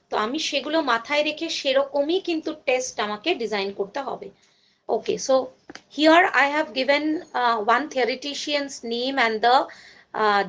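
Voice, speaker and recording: A woman's voice: sits high, a bit bright. A woman college lecturer with a Bengali accent, teaching a class in a mix of Bengali and English, with many fillers and self-corrections.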